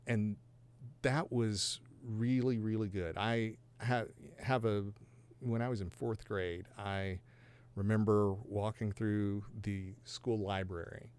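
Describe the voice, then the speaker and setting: A man in his fifties, originally from Georgia and Texas, tells his personal faith story in a relaxed podcast conversation. His voice sits fairly low and sounds clean and resonant. He speaks earnestly and reflectively, with a light touch of self-deprecating humor. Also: clear, resonant tone. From Georgia and Texas, USA. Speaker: guest sharing his faith testimony.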